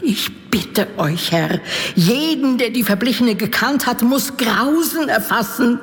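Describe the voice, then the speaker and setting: Slow, fearful castle nursemaid. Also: female voice, on the high side, expressive. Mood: dread. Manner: imploring, solemn, archaic formal speech. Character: fearful, pleading old-fashioned castle nurse, devoted and superstitious. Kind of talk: gothic audio drama acting. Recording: long reverberant hall.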